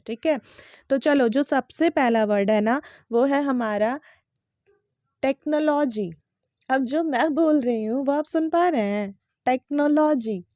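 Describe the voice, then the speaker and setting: A young woman who speaks Hindi natively, teaching English pronunciation in a patient way, saying each word slowly several times and spelling it letter by letter. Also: high-pitched, dark tone, no echo. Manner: patient, repeats words slowly and spells them out. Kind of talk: explaining lesson to students.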